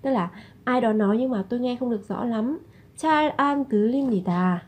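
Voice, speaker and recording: A woman's voice: on the high side, moderate pace, darkish tone, slightly rough. A woman teaching a language lesson, repeating each example phrase and then explaining it.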